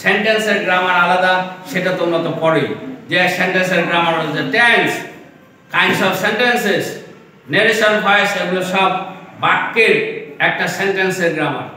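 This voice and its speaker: A man's voice: sits high, normal speed, pushed and bright. A man teaching an English lesson, explaining step by step and repeating his phrases. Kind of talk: classroom lesson. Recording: echoey room, from far off.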